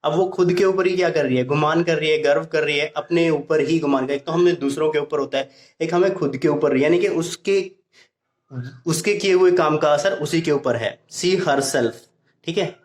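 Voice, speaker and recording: A man with a slightly raised pitch teaches grammar patiently and repeats his points. He reads the English example sentences slowly and clearly. The sound carries a roomy echo. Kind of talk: Hindi-language grammar lesson. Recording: echoey room.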